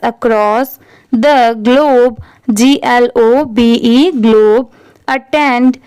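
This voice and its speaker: A woman's voice: high voice, darkish tone, clean tone, no echo. A woman teaching English reading, spelling each word out letter by letter and then saying it whole. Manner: spells words letter by letter, then repeats them. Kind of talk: slow spelling-out reading lesson.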